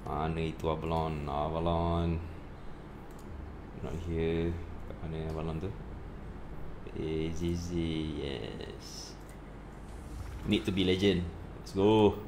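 A man with a low-pitched voice chats casually during co-op gaming. His phrases are short and clipped, with local particles at the ends. There is faint background noise. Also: fairly even intonation, slow pace, long pauses. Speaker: gamer playing online co-op.

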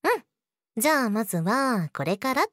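A woman's voice: a little high, very animated, normal speed, fairly bright tone, no room sound, clean studio sound. A woman playing a sweet but eerily obsessive, jealous young girlfriend in a teasing audio drama spoken to the listener. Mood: cheerful, sweet. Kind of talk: Japanese situation voice audio drama, addressed to the listener.

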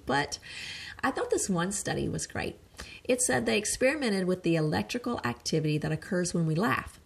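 A woman's voice: on the high side, vocal fry, slightly rough. A woman occupational therapist presenting a wellness webinar in a chatty, earnest way, with asides and restarts.

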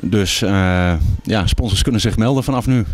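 Man in his fifties, low voice, matter-of-fact, sponsorship committee member, handheld mic in a café. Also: moderate pace, dry recording. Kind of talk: casual promo interview. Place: small indoor café. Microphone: handheld microphone.

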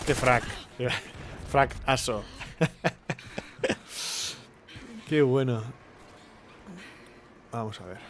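A young man from commentating his own gameplay, excitable, with sudden shouting bursts and repeated words. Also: medium pitch, noisy background. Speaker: gaming YouTuber.

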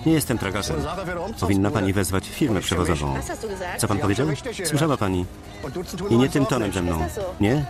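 A man reading the voice-over for a film, giving every character's lines in his one steady voice over the original soundtrack. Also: fairly low pitch, moderate pace, over loud music. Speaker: voice-over reader.

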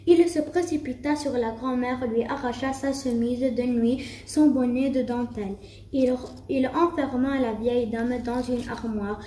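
High-voiced woman reading a tale. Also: steady tone, a little slow, dark tone, far from the mic, a little hiss or hum. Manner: storybook reading with occasional restarts and fillers. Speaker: storyteller for a school puppet show. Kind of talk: reading a fairy tale aloud. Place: school room. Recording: roomy, faint background ambience.

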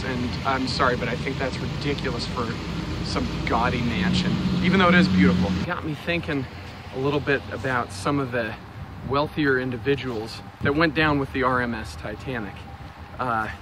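With a mid-range voice, this young adult vlogger chats casually while walking through city streets and trails, thinking aloud with lots of fillers. The phone or camera is held at arm's length, picking up traffic and outdoor ambience.

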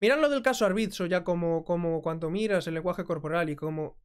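A woman's voice: on the low side, fairly quick, clean tone. A woman hosting a commentary video, translating and reacting to clips in a chatty way, often asking "mm?". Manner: conversational, frequent checking "¿mm?". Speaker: commentary host.

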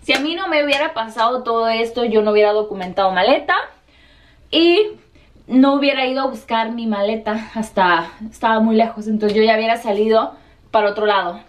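A woman's voice: a little high, a little fast. A young woman with a Mexican Spanish accent tells a story to her vlog camera, acting out each exchange in quoted voices. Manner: lively, acts out every exchange in quoted voices. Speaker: vlogger.

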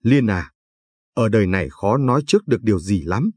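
A kindly old village grandfather who lectures his granddaughter with patience, as a man reading the tale puts him on. His low, breathy voice stays calm and steady. The sound is dry and close. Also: fairly quick, no echo. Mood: advising. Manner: patient, advising.

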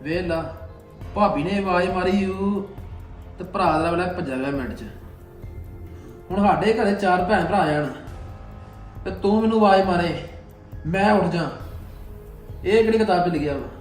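A man's voice: high-pitched, moderate pace, pauses often, natural voice. An actor playing a brother-in-law who lectures his wife. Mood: reproachful. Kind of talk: web series drama acting. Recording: echoey room with faint music.

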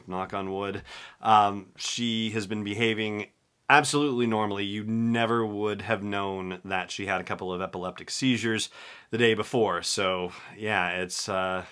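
In his forties, this man hosts a solo podcast from a room in his home, offering casual commentary. His voice is lowish with a slight brightness to it.

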